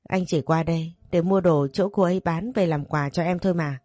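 A smooth, insinuating young schemer, as a woman reads him out in a storybook tale. The voice sits low and mellow, and it sounds dry and close. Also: brisk, no room sound, close to an everyday voice. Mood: pleading.

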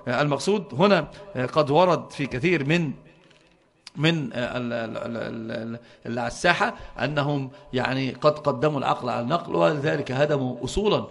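A man's voice: mid-range voice, fast talker, creaky. A middle-aged man with an Egyptian accent explaining a religious book to his students. He speaks fervently and often stalls on repeated syllables before finding his word. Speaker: religious teacher.

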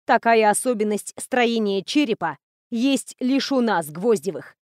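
A woman voicing a stern older female professor and matriarch who speaks in a brisk, authoritative way. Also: a little high, animated, darkish tone, no echo, studio quality.

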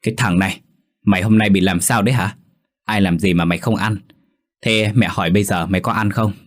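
A man's voice: fairly low pitch, steady tone, brisk, lightly acted. A man voicing a bossy, short-tempered middle-aged village mother. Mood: angry.

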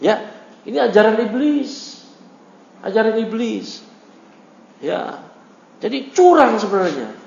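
A man teaching a religious study circle, reading Arabic text aloud and explaining it, questioning the class and acting out quick mock dialogues. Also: sits high, creaky. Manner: lively, reads Arabic then explains, acts out mock dialogues. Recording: echoey, dull lo-fi room recording.

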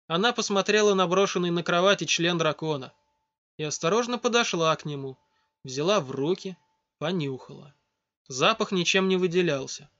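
A man reading a story aloud in a steady, scripted narration. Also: high voice. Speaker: audiobook narrator. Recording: dull lo-fi dry recording.

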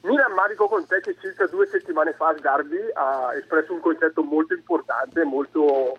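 A man's voice: on the high side, animated, moderate pace, breathy edge, dull audio. A man from the Brescia area calling a radio show over the phone, talking hesitantly with lots of fillers. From province of Brescia, Italy. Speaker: radio call-in caller. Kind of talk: casual phone-in chat.

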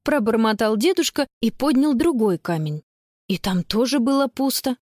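A woman narrating a children's audiobook in an expressive, lively reading style. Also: fairly high pitch, moderate pace, no echo, clean studio sound.

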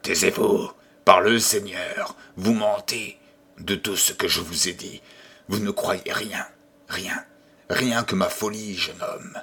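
A man reading an audiobook and voicing a tormented old gambler who swings from hushed whispers to furious outbursts. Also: sits low, steady tone, takes it slowly, gravelly, slightly rough, voice pushed down, exaggerated voice. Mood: raging. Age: older. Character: raving old male gambler haunted by the devil.

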